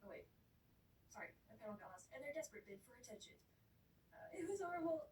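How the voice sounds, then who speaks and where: A woman giving an animated storyboard pitch, narrating scenes and acting out the voices. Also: fast. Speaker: storyboard artist. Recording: echoey room from far off, background noise.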